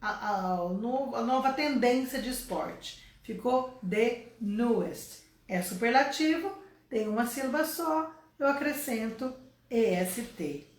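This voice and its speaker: A woman's voice: fairly high pitch, lively intonation, slow pace, echoey room. A woman from Brazil teaching a casual online English lesson, explaining step by step and checking in with her listeners often.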